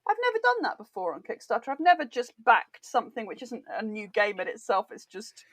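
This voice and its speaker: An enthusiastic British woman chats easily as a podcast guest, talking through games with warmth and quick laughs. Her voice sits a little high, recorded dry and close. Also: sing-song, no room sound. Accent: British English. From Britain. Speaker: guest, board game author. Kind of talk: casual interview chat.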